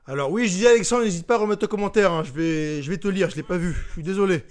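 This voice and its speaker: A young man with a fairly high-pitched voice hosts a casual live stream, talking straight to his viewers. He reads their comments aloud and answers each one in a relaxed, chatty manner. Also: very fast.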